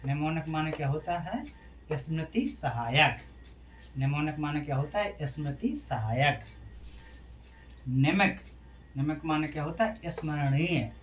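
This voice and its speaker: A man's voice: on the high side, a little slow, long pauses, slight background noise. A man teaching a classroom lesson. He asks questions and answers them himself, and spells out letters one at a time. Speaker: English teacher. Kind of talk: classroom lesson explained in Hindi.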